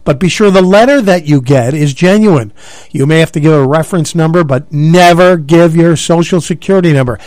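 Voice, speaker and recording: A man's voice: a little high, a little fast, a little mellow, dry recording. A man co-hosting a radio show, chatty and giving plain advice. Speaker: radio co-host. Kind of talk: casual radio talk.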